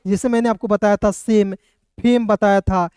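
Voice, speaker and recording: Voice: mid-range voice, steady tone, normal speed, darkish tone, smooth, no echo, clean studio sound. A teacher giving an online English reading lesson, spelling words letter by letter and patiently quizzing the viewers. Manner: patient, repetitive, addresses viewers as friends. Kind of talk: Hindi-language English phonics lesson.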